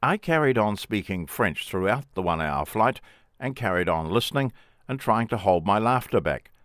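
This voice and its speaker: Low-voiced man telling his story. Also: lively intonation, normal speed, a bit bright, dry recording, studio quality. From England. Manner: plain, wry first-person storytelling. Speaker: memoir author and narrator. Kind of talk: reading a memoir aloud.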